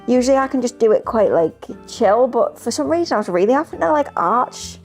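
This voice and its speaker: A woman's voice: a little high, expressive, a little fast, darkish tone, faint music behind. A young woman chatting playfully with her partner in a vlog. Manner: playful, joking. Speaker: vlogger. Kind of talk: casual vlog chat.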